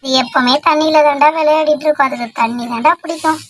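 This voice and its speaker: A woman's voice: high voice, steady tone, quick pace, lightly acted. A woman voicing a frail old grandmother in a cartoon, fondly scolding and fussing over the children. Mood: gentle. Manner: affectionate scolding, calls children dear. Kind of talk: cartoon voice acting.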